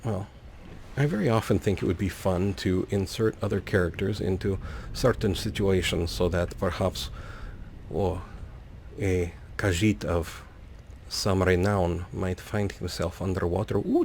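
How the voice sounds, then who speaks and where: In a low, gravelly, darkish voice, a man narrates his own gameplay as a let's player and host, speaking a little slowly with lively intonation. He thinks aloud unhurriedly, adding whimsical asides, while faint background noise hums behind him.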